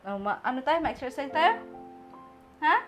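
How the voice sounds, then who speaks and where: Brief: high-pitched woman, vlogger, coaxing and repetitive, faint music underneath. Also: big pitch swings, a little slow. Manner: coaxing, repeats questions loudly. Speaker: charity vlogger visiting an elderly woman. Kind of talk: casual chat.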